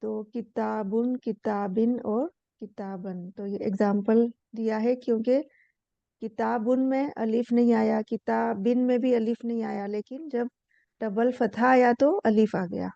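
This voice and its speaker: A woman explains Arabic grammar to her students, patient and step by step, often asking a question and then answering it herself. Her voice is a bit high and mellow in tone. It is recorded dry and a little dull, like a plain lo-fi lesson recording. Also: fairly even intonation, measured pace, gravelly, dry recording. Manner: patient, asks and answers her own questions, many fillers. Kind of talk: explaining a lesson, reading English lines slowly.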